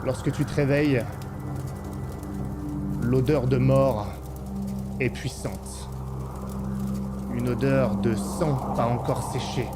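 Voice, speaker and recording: Slow, dramatic man narrating a game. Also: medium pitch, steady tone. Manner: deliberate, short suspenseful phrases. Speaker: game master. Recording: loud music and effects behind.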